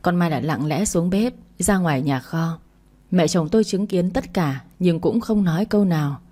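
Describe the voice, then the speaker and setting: Low, mellow-voiced woman telling a story. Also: normal speed. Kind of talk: first-person story narration.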